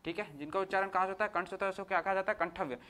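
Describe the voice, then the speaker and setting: A male teacher runs an exam-prep grammar lesson, posing questions and answering them himself while slowly sounding out letters one at a time. His voice sits high with a steady tone that is pushed and bright.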